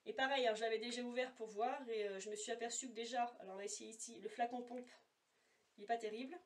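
A beauty vlogger films a laid-back makeup swatch video at home, speaking fast in a slightly high voice with fairly even intonation. She chats and wanders, using many fillers, toward a camera set apart from her without a monitor, so she sounds a little removed from the microphone.

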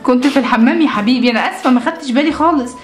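An Egyptian woman plays a mother who scolds firmly but tenderly, talking at a breakneck pace. Her voice is high. The echoey room carries faint music. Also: very fast. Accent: Egyptian Arabic. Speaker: mother in a family skit. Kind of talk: scripted family sketch.

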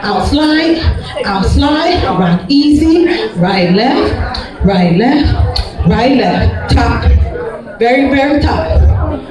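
A woman instructor calling out dance steps and counts to a group in a loud, projected, drawn-out way. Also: sits high, lively intonation, recorded from a distance. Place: large hotel banquet room, on a small stage. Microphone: handheld microphone through PA, filmed from across the room. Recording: echoey PA in big room, from afar. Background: music and crowd noise.

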